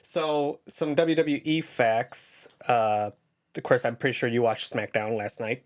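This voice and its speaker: A young man co-hosting a casual podcast, talking in a laid-back, hesitant way with many pauses and fillers. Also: medium pitch, steady tone, a little hiss or hum. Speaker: podcast co-host. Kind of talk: casual chat.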